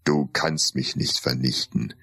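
A man's voice: a bass voice, steady tone, unhurried, gravelly, no room sound, voice pushed down, exaggerated voice. A man voicing a scornful, manipulative talking mask in an audiobook, taunting and threatening. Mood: menacing. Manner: taunting, then dark and threatening. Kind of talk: audiobook character voice.

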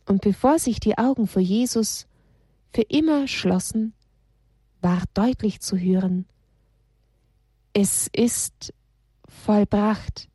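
A woman reading a children's story aloud in an expressive, storytelling manner. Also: mid-range voice, a little slow, slightly rough, no room sound, studio quality. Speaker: narrator.

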